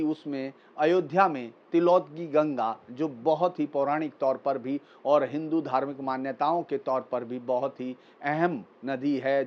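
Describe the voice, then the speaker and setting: A man with a fairly high voice walks through the day's news like a commentator, steady and explanatory, pausing often with small fillers. The recording sounds a little dull and lo-fi. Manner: measured, explanatory, frequent pauses and fillers.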